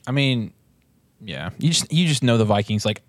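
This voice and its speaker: A man's voice: lowish voice, lively intonation, moderate pace, no room sound. A young man co-hosting a podcast, joking, teasing and rambling in casual chat. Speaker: podcast co-host.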